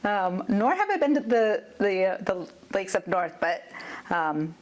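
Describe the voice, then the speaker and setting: A woman's voice: mid-range voice, very animated, a little slow. A woman judge from Maryland, talking casually about her childhood and school years, laughing easily. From Maryland, USA. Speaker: judge, interview guest. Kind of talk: casual interview conversation.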